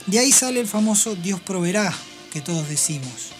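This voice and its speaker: A woman hosting a radio program, retelling Bible passages in an explanatory, storytelling way with pauses and restarts. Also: medium pitch, animated, faint music behind. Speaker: radio host. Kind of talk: radio talk on Bible stories.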